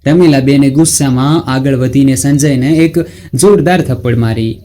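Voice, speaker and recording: A man narrating a scripted story in a slow, dramatic reading. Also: mid-range voice, warm tone.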